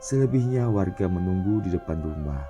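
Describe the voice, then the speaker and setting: Male storyteller, deep and mellow, animated dramatic narration, soft music bed. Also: moderate pace, lo-fi sound. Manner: expressive, dramatic. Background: faint background music.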